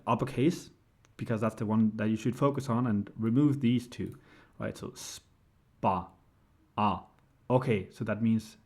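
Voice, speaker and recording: A man giving a casual screen-share tutorial, explaining step by step and often checking in with "right?". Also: on the low side. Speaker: language tutor.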